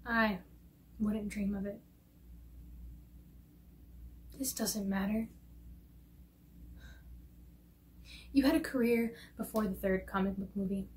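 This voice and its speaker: A woman's voice: mid-range voice, close to an everyday voice. A young woman performing a dramatic monologue as an angry, scornful daughter confronting her father. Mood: quiet, wounded contempt. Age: young adult. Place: indoor studio against plain backdrop.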